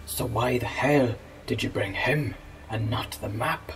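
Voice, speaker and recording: A hot-tempered little pirate captain woman with an Irish lilt, put on by a male narrator. She barks her demands at her crew in a gravelly voice pitched a touch above his own. The storybook reading keeps her soft and breathy. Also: unhurried, a little hiss or hum. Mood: impatient. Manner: brusque, demanding, swearing. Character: short fiery red-haired female pirate captain.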